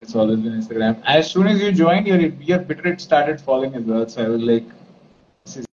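A man's voice: medium pitch, animated, brisk, a little mellow. A man in his twenties with an Indian accent hosts a casual live stream, rambling and switching between English and Hindi. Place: indoors, plain-walled room. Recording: dull lo-fi stream with clear noise.

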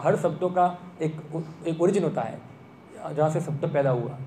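Male lecturer, conversational, quizzes the audience, a bit high-pitched, echoey room. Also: mellow, a little hiss or hum. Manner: conversational, asks the audience questions. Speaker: speaker giving a talk. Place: temple hall. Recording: echoey room with faint ambience.

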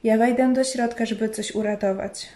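A woman reading the lines of a cheerful, steady young male missionary in a storybook reading, in a calm, reassuring manner. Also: fairly high pitch, moderate pace, lightly acted. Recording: roomy echo.

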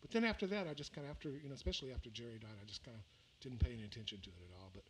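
Between songs on a livestream, an older man from Mississippi who grew up in Louisiana rambles casually, relaxed and full of fillers and restarts. He talks rapid-fire at a medium pitch into a vocal mic on a stand in a small indoor venue, with a little hiss or hum.

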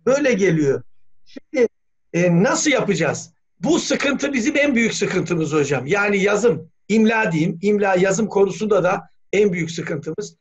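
A man's voice: high-pitched, expressive, measured pace. A man speaking as a language scholar in an academic meeting, talking thoughtfully with many hesitations. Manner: thoughtful, hesitant, frequent "e" fillers, spells words letter by letter. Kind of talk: academic discussion on a video call. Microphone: video call. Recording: dull lo-fi video call audio.

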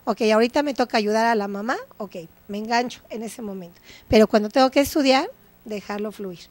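Mexican woman, guest expert on educational TV, somewhat high voice, dry close sound, teacherly and checks in often. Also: fairly quick, no echo. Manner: didactic, checks in with tag questions. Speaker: guest psychologist. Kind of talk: educational TV talk.

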